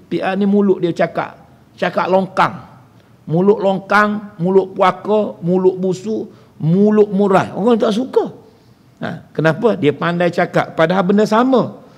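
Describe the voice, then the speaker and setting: Malaysian Malay preacher with a slightly high voice. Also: male voice, warm tone. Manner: conversational, quizzes the audience, calls himself Ustaz. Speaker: religious teacher. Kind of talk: evening religious lecture. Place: prayer hall.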